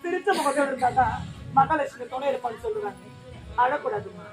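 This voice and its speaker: A woman's voice: high-pitched, lively intonation, fast talker, music in the background. A woman voicing a kindly village mother who soothes a crying stranger in a stage drama. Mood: soothing. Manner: soothing, coaxing. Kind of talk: Tamil stage drama acting.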